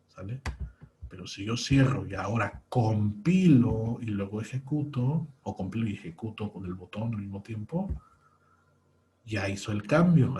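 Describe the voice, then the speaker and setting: A man's voice: lowish voice, warm tone. A young man, patiently talking through a screen-recorded coding lesson step by step. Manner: patient, walks through each step aloud. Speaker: programming teacher.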